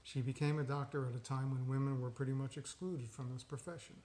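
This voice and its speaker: A man giving a deadpan, joking birthday tribute to his wife that turns heartfelt. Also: mid-range voice, quick pace.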